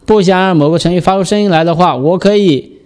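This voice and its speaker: A man giving a step-by-step software tutorial, explaining and patiently repeating the key steps. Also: high-pitched, quick pace.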